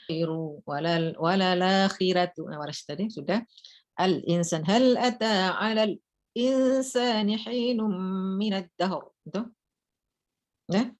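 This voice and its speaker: Brief: female recitation teacher, lowish voice, patient drills, slow chanted examples. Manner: explains rules, then demonstrates recitation slowly and repeats words. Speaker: Quran recitation lecturer. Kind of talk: class lecture with recited examples.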